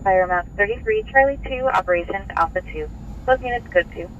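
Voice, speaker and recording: A man dispatches units over a police radio, his voice pitched high and squeezed through a dull, lo-fi speaker. Faint noise hums beneath it. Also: expressive. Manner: rapid unit call-outs. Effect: police and fire radio transmission.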